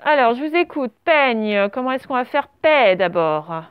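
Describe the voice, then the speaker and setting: A woman teacher leads a dictation correction for young pupils, taking it slowly and patiently. She spells each word out letter by letter and pauses often. Her voice sits high, and the recording is close, dry and a little muffled. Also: big pitch swings, clear, resonant tone, dry recording. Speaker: primary school teacher. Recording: dull lo-fi sound.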